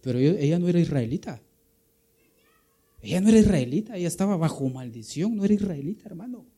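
A man's voice: a little high, lively intonation, fast talker, mellow, husky. A man with a Guatemalan Spanish accent preaching a sermon, emphatic and full of rhetorical questions, often calling listeners brother.

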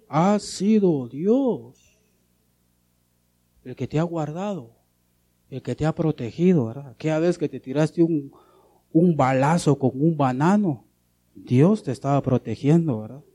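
Dramatic preaching man, mellow voice. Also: a little high, lively intonation, a little slow, pauses often. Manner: dramatic swings between loud and soft, frequent rhetorical questions; calls listeners brother. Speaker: pastor. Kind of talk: sermon.

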